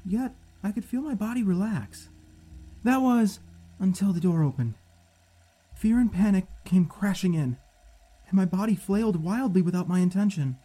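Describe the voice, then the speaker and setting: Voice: mid-range voice, lively intonation, normal speed, dark tone, breathy edge. A performer playing a spirited, sarcastic youngster who narrates an audio drama in an informal, candid way. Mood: tense recounting.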